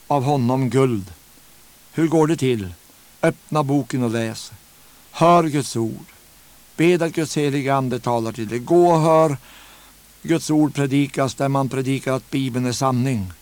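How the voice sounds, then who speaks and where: An earnest male preacher delivering a sermon at a middle pitch. He presses his listeners with direct rhetorical questions and slows down to stretch the words he wants to stress. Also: darkish tone.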